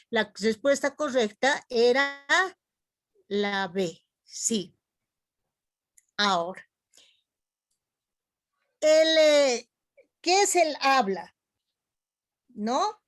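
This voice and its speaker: Woman teacher, high voice, slow explanatory lecture, dry close sound. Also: lively intonation, no room sound. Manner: slow, explanatory, calls students "jovencitos". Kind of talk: online class lecture.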